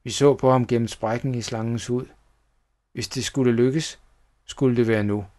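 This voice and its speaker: Man reading a scary storybook. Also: medium pitch. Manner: steady first-person storybook narration. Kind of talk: reading a children's horror story aloud.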